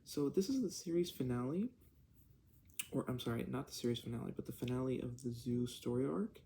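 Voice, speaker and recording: A man giving casual vlog commentary in a hushed, half-whispered voice, keeping quiet at night. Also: medium pitch, animated, brisk, creaky, slight background noise. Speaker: comic book vlogger.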